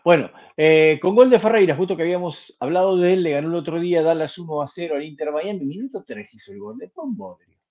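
Chatty host, dull lo-fi sound. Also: male voice, a little high, fast. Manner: chatty, rattling off match results with fillers. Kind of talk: casual sports talk. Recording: lo-fi muffled audio.

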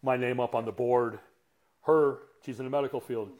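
A man in his sixties, a coach guesting on a podcast, tells a story in a casual, blunt way, swearing often and pausing on fillers. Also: mid-range voice, fairly even intonation, a little mellow, highs cut off. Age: 60s. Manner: blunt and profane, halting with fillers.

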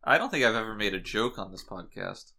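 A man co-hosting a casual podcast, his voice bright and forward. He jokes in a deadpan, mock-serious way, playing it straight. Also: fairly low pitch, brisk. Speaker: podcast co-host. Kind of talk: casual chat.

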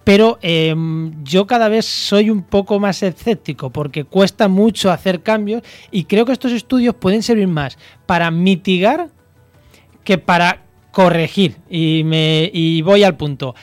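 A man from La Mancha speaks on a radio program with a slightly raised pitch, reasoning aloud about climate studies. He pauses often, fills gaps and restarts his sentences, and the studio sound is dry and close. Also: no echo, faint music behind. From Castilla-La Mancha, Spain. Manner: thoughtful, hesitant with fillers and restarts. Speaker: ecology expert guest. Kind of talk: radio interview, explaining.

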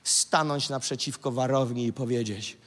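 A man's voice: medium pitch, fairly even intonation, moderate pace, a bit bright. A man preaching a sermon as pastor, dramatic and vivid, now and then acting out mocking voices. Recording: church hall reverb.

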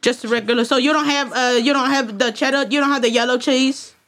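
A fussy prank caller with a thick put-on accent, as a woman plays her, asks halting, repetitive questions over the phone. Her voice sits high and bright. She keeps circling back and pressing for answers. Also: fairly even intonation. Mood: pushy.

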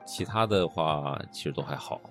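A man in his late twenties co-hosting a casual podcast, telling stories in a chatty way that gets animated and then trails off softly. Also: a bass voice, moderate pace, soft background music. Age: late 20s. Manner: storytelling, animated when recounting, trails off softly. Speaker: podcast co-host. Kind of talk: casual chat.

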